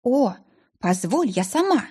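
Woman doing teary young lady, high and pleading, kinda husky. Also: very animated, normal speed, warm tone, heavily acted. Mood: distressed. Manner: emotional, pleading. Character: young gentle well-bred woman, tearful.

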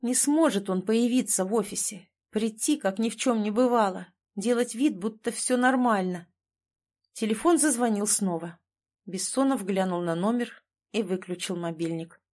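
A woman narrating a novel in a steady storytelling manner. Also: medium pitch, moderate pace. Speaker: audiobook narrator. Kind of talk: scripted narration.

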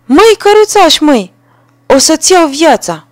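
A woman's voice: very animated, no room sound. A woman voicing a spiteful, vengeful little sparrow that jeers at a man in a storybook reading. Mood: taunting. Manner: shrill, jeering taunts.

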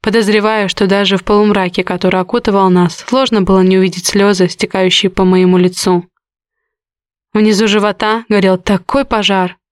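A woman narrating a romance audiobook in the first person, with steady, intimate storytelling. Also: medium pitch, clean tone, dry recording, studio quality.

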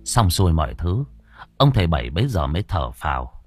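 Male audiobook narrator, low husky voice, lively intonation, dramatic horror storytelling. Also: brisk, no echo, soft background music.

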